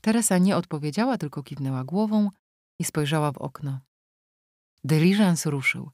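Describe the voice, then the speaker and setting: Low-voiced woman reading an audiobook. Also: animated, moderate pace, a little mellow, no echo, studio quality. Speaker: audiobook narrator. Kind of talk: scripted narration.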